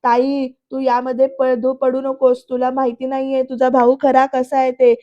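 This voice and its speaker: A defiant middle-aged man from a TV serial, as a woman narrator reads him, hammering out his accusations slowly in village speech. The voice stays high and mellow. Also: monotone, muffled recording, close to an everyday voice. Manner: rustic village speech, slow and emphatic.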